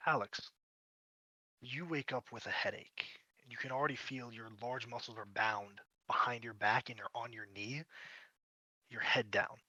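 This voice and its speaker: A man narrating a tabletop fantasy game as game master, with dramatic pauses and emphasis. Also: mid-range voice, fairly even intonation, pushed and bright, slightly rough, dry recording, dull audio.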